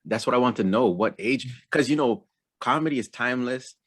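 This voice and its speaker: A man's voice: medium pitch, a little fast. A man hosting a casual interview, a former stand-up comic, encouraging his guest with frequent affirmations.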